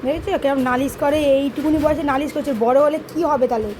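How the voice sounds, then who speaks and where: A woman's voice: high voice, fairly even intonation, quick pace, background noise. A young woman, chatting to viewers at home in a casual vlog and scolding her child. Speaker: vlogger. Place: home, indoors.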